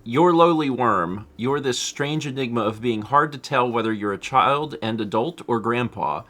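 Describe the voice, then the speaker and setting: A co-host on a live stream, a man in his thirties, has a medium-pitched, slightly bright voice and a moderate pace. He chats casually through viewer comments, rambling, laughing often and making fun of himself.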